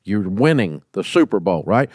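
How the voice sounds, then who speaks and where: A middle-aged man hosting an advice show, talking emphatically and folksily and jumping into loud acted quotes. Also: lowish voice, big pitch swings, normal speed, no room sound, studio quality. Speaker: host giving leadership advice. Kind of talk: call-in advice talk.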